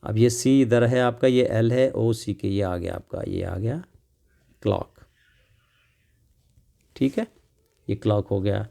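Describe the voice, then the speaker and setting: A man tutoring English from a children's workbook, explaining slowly and repeating each word, asking questions and answering them himself. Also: on the low side, creaky, mellow. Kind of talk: classroom lesson explaining a workbook.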